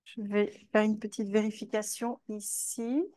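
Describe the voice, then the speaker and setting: A woman from Belgium with a Belgian French accent, hosting a live online master class. She talks in a chatty way, greets attendees by name and fills her pauses with hesitations. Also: mid-range voice, flat delivery, warm tone. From Belgium, Namur region. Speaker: webinar host and trainer.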